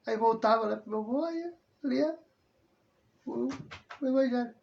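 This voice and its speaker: A creaky, very high male voice unfolds a little slowly in this dull lo-fi recording. The speaker, who hosts religious videos and hails from southern Brazil, rambles through a casual personal monologue, leaning on tag questions and self-corrections.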